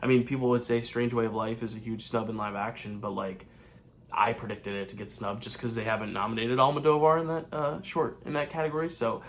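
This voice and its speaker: A man with a mid-pitched voice gives live reaction commentary as a movie channel host. He is excitable, answering each moment in short, clipped remarks. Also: fairly quick, a little hiss or hum.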